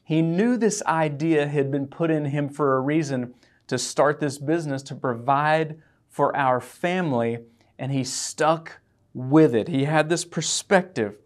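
A man's voice: a little high, a little slow. Man, pastor, earnest sermon, emotional scripture reading, church.

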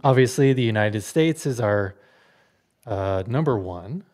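A man's voice: lowish voice, lively intonation, measured pace, a little mellow. Chatty man co-hosting a podcast. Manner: chatty, laughs between words. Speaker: podcast co-host. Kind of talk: casual podcast chat.

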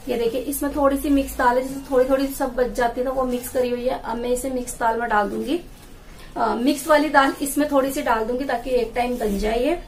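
Recorded with poor audio and a little hiss or hum, this thirties-aged housewife shows her groceries to the camera in a small tiled room with a wooden door. She talks chattily and fairly quickly in a high, steady voice, explaining things as she picks up jars and bags.

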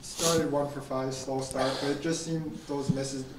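A man asking postgame questions as an interviewer, in a quick, monotone way. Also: medium pitch, far from the mic, crowd noise. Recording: roomy, off-mic with faint room noise.

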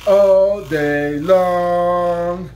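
This muffled recording, with soft music behind it, captures a man in his thirties singing from a children's songbook to his child. His voice sits high and steady, a bit mellow, with drawn-out words and lingering line endings in a playful sing-song. He lies on a bed in a bedroom, a camera a few feet away.

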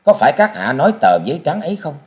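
A man's voice: a little high, big pitch swings, fast, pitched above the performer's own voice. A man voicing a proud young swordsman hero. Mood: earnest. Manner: proud, challenging shouts.

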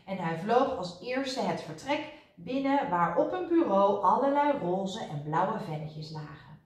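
A woman's voice: medium pitch, big pitch swings, unhurried, darkish tone, distant mic. A woman, a teacher, reading a children's storybook aloud expressively. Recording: roomy echo, voice off-mic.

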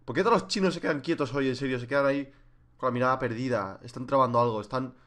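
A young man with a Spain Spanish accent, joking and animated through comedic video commentary. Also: medium pitch, fast. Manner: animated, joking, swings into silly voices. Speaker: video creator.

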